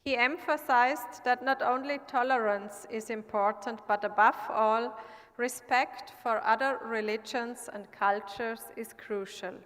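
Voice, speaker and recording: A woman from Austria who sits in parliament, giving an earnest, measured prepared speech at an assembly. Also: fairly high pitch, a bit bright. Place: large assembly hall. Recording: long hall reverb.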